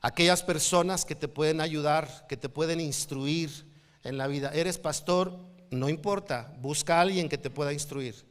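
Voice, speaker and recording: Male Mexican pastor, sermon, animated storyteller, reverberant church hall. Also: on the high side, moderate pace, clean tone. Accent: Mexican Spanish. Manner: animated storytelling, acting out quoted people.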